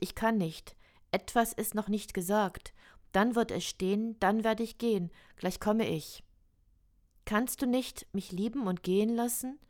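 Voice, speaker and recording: A woman reciting experimental prose poetry in a slow, measured, deliberate way. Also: mid-range voice, darkish tone.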